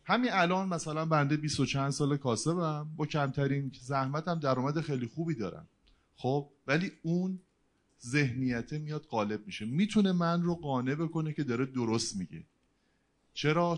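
A man's voice: mid-range voice, lively intonation. A middle-aged man from the audience asking a question in formal, deferential speech. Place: hall with a stage.

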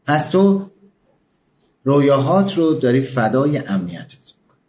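A man's voice: mid-range voice, big pitch swings, a little mellow. A man giving a motivational talk, pressing the listener with emphatic questions. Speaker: motivational speaker.

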